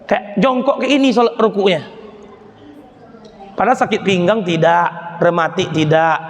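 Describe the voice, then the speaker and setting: A man preaching a lively sermon to a congregation, theatrical and acting out scenes, often asking the listeners questions. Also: high-pitched, unhurried. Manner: theatrical, asks the audience questions, acts out scenes. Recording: echoey hall with long reverb.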